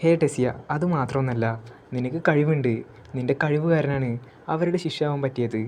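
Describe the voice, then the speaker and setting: A man voicing a calm young mage. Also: mid-range voice, brisk, slight background noise, close to an everyday voice.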